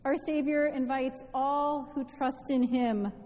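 A woman leading prayer and the invitation to the table in a slow, measured, reverent way, her voice ringing with a cathedral echo. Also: high voice, fairly even intonation, a little mellow. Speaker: worship leader. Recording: long church reverb.

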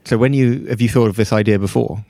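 A man's voice: fairly low pitch, steady tone, fast, vocal fry, mellow, dry recording. A man hosting a casual chat, asking short curious questions.

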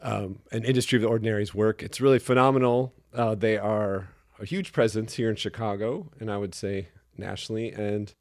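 A man's voice: lowish voice, brisk, hardly any pauses, no echo, studio quality. Man hosting a casual interview. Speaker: interview host.

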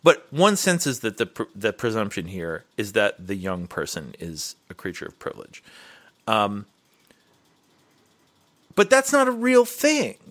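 A man's voice: on the low side, wildly swooping pitch, measured pace, long pauses, a bit bright. A man who teaches writing, talking in a casual podcast chat. He rambles through his points with many restarts. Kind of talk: casual conversation.

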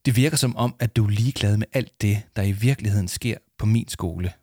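Shy schoolboy, stammering, hesitant, raised pitch, voiced by a man, dry close sound. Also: mellow, no room sound, close to an everyday voice. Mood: nervous.

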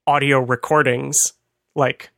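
A man co-hosts a conversational podcast about retro computing, explaining things with dry amusement. His mid-range voice is level, slow, creaky, and a bit bright, with no echo in the recording.

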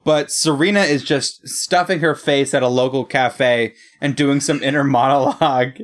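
Male podcast co-host: medium-pitched, amused, easygoing casual chat. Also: steady tone, normal speed.

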